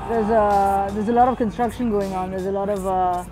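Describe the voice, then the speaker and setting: In a documentary interview, a graffiti artist in her thirties who grew up in Switzerland thinks aloud reflectively, making small restarts, her medium-pitched voice steady and fairly quick. Hip-hop music plays below, and the audio is poor.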